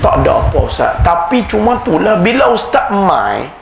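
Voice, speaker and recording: A preacher voicing a soft-spoken older man from the congregation with a Kedah Malay accent, polite and hesitant, in an echoey prayer hall with background noise. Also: high-pitched, sing-song, moderate pace, vocal fry, heavily acted.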